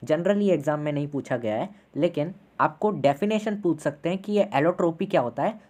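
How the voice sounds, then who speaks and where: A man's voice: fairly high pitch, darkish tone. A man teaching an online class lecture in a casual, chatty way, constantly checking in with his students.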